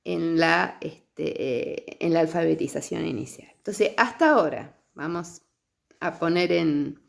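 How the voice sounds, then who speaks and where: A woman's voice: low-pitched, unhurried, creaky. A middle-aged woman teacher, lecturing patiently on early literacy and often checking in with her listeners.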